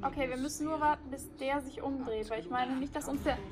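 A woman giving casual gameplay commentary on a headset, excitable and swearing at the game. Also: high-pitched, brisk, over loud music. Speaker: let's play gamer.

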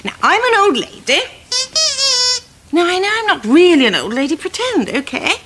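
A middle-aged woman playing a brisk, fond but exasperated scout leader in a children's comedy, giving bossy, patient instructions outdoors. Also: sits high, sing-song, noisy background. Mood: instructing. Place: outdoor garden set.

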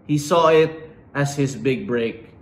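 Middle-aged male commencement speaker, slow deliberate inspirational delivery, roomy echo. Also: medium pitch, a little hiss or hum. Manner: slow and dramatic, with emphatic pauses. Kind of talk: inspirational speech. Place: indoors against a plain wall. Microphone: fixed camera at chest framing.

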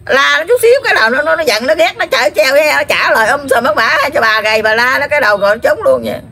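A woman with a Southern Vietnamese accent, speaking in trance as a grandmother spirit in a scolding, rambling, repetitive way full of drawn-out fillers. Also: high voice, expressive, sharp tone. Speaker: spirit medium.

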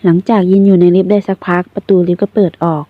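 A woman reading a romance novel aloud in a steady, unhurried way. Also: fairly low pitch, no echo. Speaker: audiobook narrator. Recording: tinny phone-like sound, dry.

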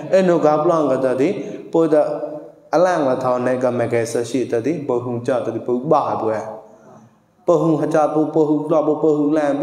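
A man performs traditional verse, calling out with sharp exclamations and drifting into song now and then. His voice sits at an ordinary middle pitch. It rings through a big hall, and each line trails off in a long echo. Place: monastery hall. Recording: echoey hall with long reverb.

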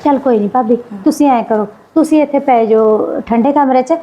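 A woman's voice: high voice, fairly quick, mellow, lo-fi sound, lightly acted. A woman playing a patient mother who pleads and placates while defending her son. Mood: pleading. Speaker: visiting daughter and mother.

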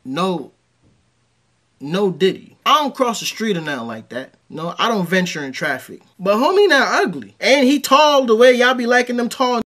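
A man's voice: high-pitched, very animated, normal speed, a bit bright. A man hosting a reaction video, giving blunt casual commentary on clips. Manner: blunt, conversational, lecturing.

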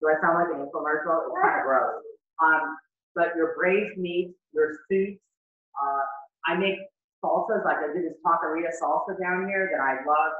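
A man's voice: on the high side, measured pace. A man hosting a casual cooking demonstration, chatting in a rambling, self-deprecating way while he cooks. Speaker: chef hosting a live online cooking demo. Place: home kitchen. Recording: echoey, distant, phone-like audio.

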